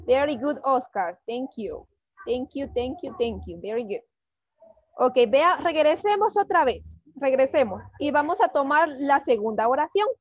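High-voiced coaxing woman teacher. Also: expressive, unhurried, no echo, dull audio. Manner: patient, coaxing, switches between Spanish and English. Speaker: English teacher. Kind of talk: online class teaching.

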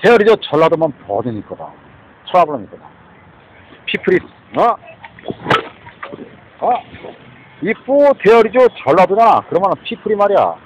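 Rambling man with a lively, high-set voice. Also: moderate pace, long pauses, low-quality recording. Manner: rambling, muttering, trailing off, frequent questioning "eh?". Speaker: street vlogger. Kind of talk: rambling monologue.

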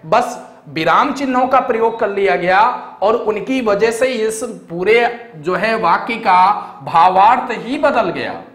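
Recorded in an echoey room, this exam-prep grammar lecture comes from a young man whose voice sits high with a fairly bright tone. He breaks things down step by step, frequently making sure his students follow along.

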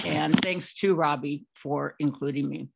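A woman's voice: sits low, fairly even intonation, creaky, background noise. A woman from California reading her poems over a video call, chatting between poems with many fillers. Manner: unhurried, with filler-laden asides between poems. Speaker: featured poet.

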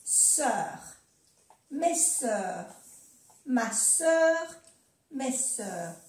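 An older woman gives a patient language lesson from her home, saying each word slowly and again and again. Her voice sits fairly high and her pace is unhurried. The room around her has a noticeable echo. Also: very animated, a little mellow. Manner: patient, repeats words slowly, many tag questions. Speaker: language teacher. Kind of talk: casual video lesson.

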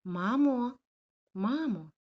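A woman doing an excited little corgi puppy. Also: a little high, normal speed, lo-fi sound, pitched above the performer's own voice. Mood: scared. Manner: eager, pleading, calling out.

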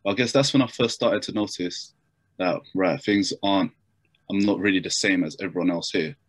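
During a casual video-call interview, a young Japanese man talks from his bedroom, full of fillers and restarts as he tells his story. His voice is low and a little quick. He's heard through a laptop webcam mic, and the recording is dry.

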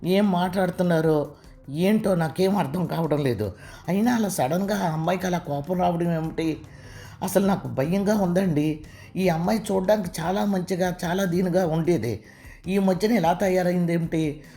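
A woman's voice: fairly low pitch, moderate pace, dark tone, faint music behind, close to an everyday voice. A woman voicing a worried middle-aged mother in a narrated story, fretting and anxious.

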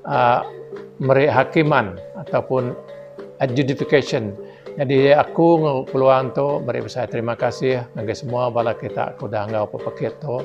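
A man's voice: medium pitch, normal speed. Man giving a formal festival address. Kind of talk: formal speech. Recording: dull lo-fi recording with music behind. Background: music.

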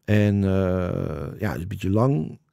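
A man hosts a podcast in relaxed conversation. His low voice has a gravelly fry and a mellow tone, and he tells his story haltingly, searching for words. The recording is close and dry. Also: dry recording. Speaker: podcast host. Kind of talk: casual chat.

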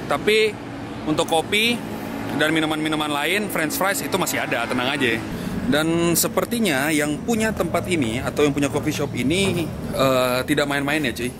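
A young adult man with a Jakarta Indonesian accent vlogs casually to a camera held at arm's length, slangy and chummy toward viewers. His voice is a little high, with noisy background sound.

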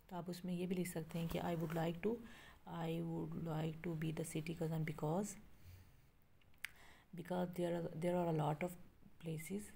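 A woman's voice: on the low side, vocal fry, warm tone, slight background noise. A woman teaching English, going through a workbook and explaining each English line in Hindi. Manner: explains in Hindi between slowly read English lines. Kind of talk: classroom lesson explaining a workbook.

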